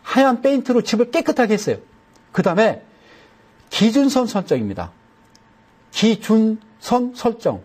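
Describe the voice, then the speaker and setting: A man's voice: high voice, sing-song, normal speed, long pauses, darkish tone, breathy edge. A man giving a chatty broadcast lesson on stock chart settings, repeating each step and slipping in folksy jokes.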